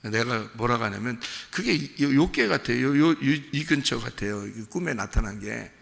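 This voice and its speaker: A male pastor preaching a sermon, swinging between near-shouting and hushed, intimate storytelling. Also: mid-range voice, expressive, normal speed, gravelly. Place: church sanctuary. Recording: long reverb of a large hall.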